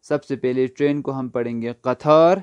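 Teaching a language online, a man with a clear, resonant, medium-pitched voice and fairly even intonation works through words patiently. For each, he asks what it is, answers himself, and spells it out letter by letter; there's no echo.

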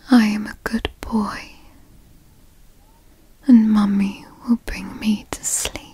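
A woman's voice: mid-range voice, little pitch movement, slow pace, dark tone, husky, dry recording. A woman playing a tender, motherly girlfriend in a whispered role-play, speaking in an intimate, soothing whisper for sleep ASMR.

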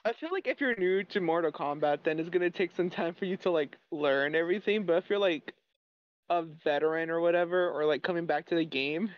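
A man's voice: fairly high pitch, a little fast. A young man chatting casually on a podcast, telling gaming stories with fillers and swearing. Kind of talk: casual chat among friends. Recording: dull, dry lo-fi mic.

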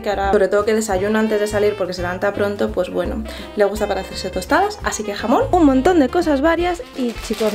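Speaking in a rather high voice with a dark tone, a young Spanish vlogger casually shows what she bought. She's animated and self-deprecating, recording in a small kitchen with a handheld camera right by her face.

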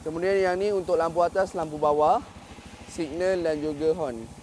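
A man's voice: fairly high pitch, moderate pace, background noise. A man in his thirties with a Malaysian Malay accent, giving an upbeat sales walkthrough of a motorcycle outside a shop. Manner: upbeat salesman patter, mixes in English fillers. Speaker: motorcycle dealer. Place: outdoor parking lot of a motorcycle shop.

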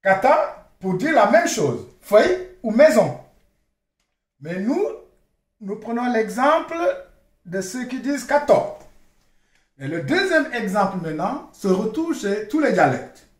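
This language teacher is a man with a high, lively voice who takes his lesson slowly. He repeats each word and carefully spells it out, while the room adds a clear echo.

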